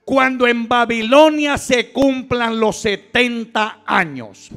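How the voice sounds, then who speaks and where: A man's voice: extremely high pitch, slow pace, fairly bright tone, soft background music. A man preaching an impassioned Pentecostal sermon as pastor at a church service, calling out to the congregation.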